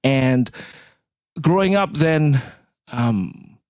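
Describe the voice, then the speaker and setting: Man, 40s, mid-pitched voice, reflective interview guest, dry sound. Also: expressive, very slow, a little mellow, no echo, lo-fi sound. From Malaysia. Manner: earnest and reflective, with many restarts. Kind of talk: casual interview talk.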